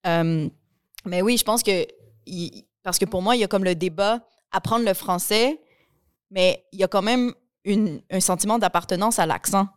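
Chatty Québécois woman, smooth clear voice. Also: medium pitch, moderate pace, no echo, clean studio sound. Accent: Québécois French. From Quebec. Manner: chatty, many restarts and fillers. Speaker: podcast host. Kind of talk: casual conversation.

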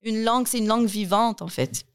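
A woman with a Québécois French accent talks casually as a podcast host, stumbling over restarts and fillers as her thoughts run on. Her voice is smooth and clear. The sound is close and dry. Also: on the high side, fairly quick, no room sound. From Quebec. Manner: chatty, many restarts and fillers. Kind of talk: casual conversation.

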